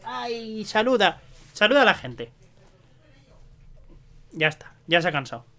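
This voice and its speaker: A man's voice: high-pitched, a little slow, no room sound. A man with a Spanish accent from Spain, joking through a let's play and slipping into mock-dramatic cries. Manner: animated, jokey, slips into mock-dramatic cries. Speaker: gaming YouTuber.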